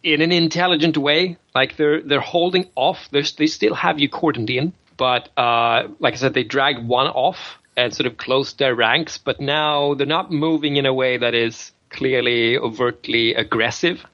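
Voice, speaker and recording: A man's voice: medium pitch, fairly even intonation, a little slow, few pauses, sharp tone, muffled recording. A man narrating as game master of a tabletop role-playing game, describing scenes with frequent restarts and fillers.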